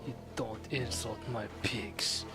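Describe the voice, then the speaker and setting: A young man streaming a story game live, joking and reacting loudly with muttered asides. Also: medium pitch, steady tone, takes it slowly. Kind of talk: casual live-stream commentary. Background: game music.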